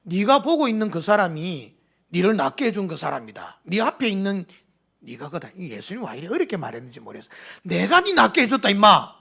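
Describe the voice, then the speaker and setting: A man's voice: high-pitched, sing-song, fairly quick, gravelly, a bit bright, slightly rough. A middle-aged man with a Gyeongsang accent preaching a sermon, acting out dialogue in dialect. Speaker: pastor.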